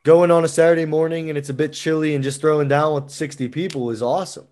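An American man hosting a podcast in casual chat, animated and rambling with lots of fillers. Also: a little high, fast. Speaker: podcast host.

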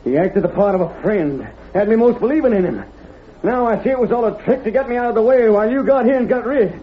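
A man's voice: high voice, lively intonation, fast talker. A man playing a defiant, wronged, hot-tempered cowboy in an old radio western, with a belligerent rustic American Western drawl. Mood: bitter hurt. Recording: dull old radio recording with crowd noise.

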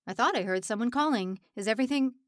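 A woman voicing a gentle, hesitant middle-aged male missionary in an audiobook. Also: a little high, quick pace, no room sound, studio quality, close to an everyday voice. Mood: calm. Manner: tentative, calm.

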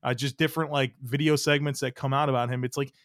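A man's voice: mid-range voice, fairly even intonation, quick pace, no echo, clean studio sound. A man hosting a sports podcast in casual chat, talking in a rambling way with lots of "like". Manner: rambling, heavy use of "like". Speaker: podcast host.

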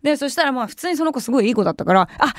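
Fast-talking young woman radio host. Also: high voice, no echo, studio quality. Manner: chatty, animated, acts out quoted voices. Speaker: radio personality. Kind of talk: casual radio storytelling. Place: radio studio.

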